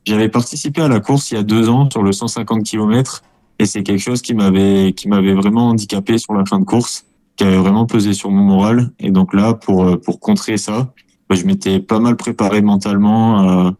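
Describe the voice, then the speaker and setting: A man's voice: fairly low pitch, mellow, no echo. A man in his twenties from France, an ultra-trail runner answering interview questions with many hesitations and restarts. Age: 20s.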